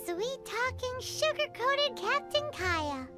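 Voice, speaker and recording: A woman voicing a tiny, excitable, cheeky fairy companion with a chirpy childlike delivery in a video game. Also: very high voice, takes it slowly, loud music behind the voice, exaggerated voice. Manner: chirpy, speaks of self in third person.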